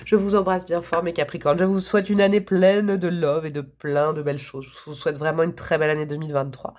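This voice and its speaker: A hoarse woman giving a casual, enthusiastic tarot reading to her viewers, chatty and quick to laugh. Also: sits low, level tone, darkish tone. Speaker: tarot reader.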